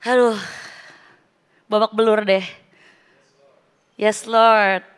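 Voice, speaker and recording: A woman's voice: medium pitch, little pitch movement, drawn-out words, clear, resonant tone. Woman preaching a casual sermon. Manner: casual, mixes English phrases into speech. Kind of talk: conversational sermon.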